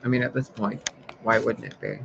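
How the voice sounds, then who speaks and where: With a medium-pitched, fairly even voice at normal speed, a man who reads spiritual signs rants about his day in a casual vlog, rambling and cursing liberally. Clear background noise runs through the dull lo-fi audio.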